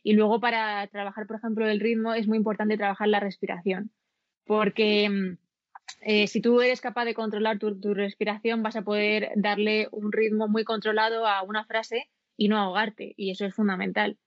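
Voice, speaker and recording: A woman talks through her views with many fillers and restarts. Her voice sits at a middle pitch. The sound is dry and somewhat dull and lo-fi. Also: little pitch movement, normal speed, no echo. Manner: thoughtful, hesitant with many fillers. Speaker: interviewee, voice-acting student. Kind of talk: conversational interview.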